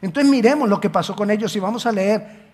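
A man preaching a sermon as pastor, emphatic, swinging between loud and quiet, repeating words for emphasis. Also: high voice, fairly quick, husky.

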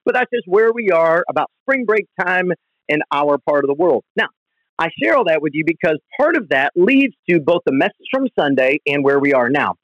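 High-voiced pastor talking over the phone. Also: male voice, big pitch swings, moderate pace, a bit bright, no room sound. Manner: earnest, conversational preaching. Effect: heard over the phone. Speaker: pastor and podcast host. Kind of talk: devotional podcast teaching. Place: at home. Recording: dull lo-fi phone recording, dry.

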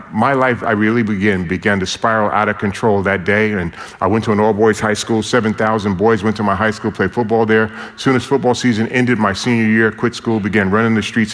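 An older man from New York City preaches with humor and warmth of address, calling on the congregation to repeat lines. His voice sits low. The sound rings with long reverb, as in a large hall. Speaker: preacher giving his testimony. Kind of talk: sermon.

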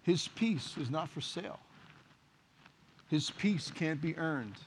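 A man with a high voice preaches a sermon, animated and conversational, slipping into the voices of the people in his stories. He sounds middle-aged. A faint hiss sits underneath. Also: slow pace. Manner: animated, acts out dialogue in stories. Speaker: pastor. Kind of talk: sermon with storytelling.

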